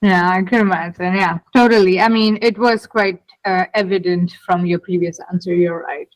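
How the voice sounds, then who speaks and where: A woman's voice: lowish voice, fairly even intonation, moderate pace, dry recording, rough recording. A woman hosting a podcast interview, chatting casually and effusively, often repeating her phrases. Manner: enthusiastic, effusive, repeats herself. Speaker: podcast host.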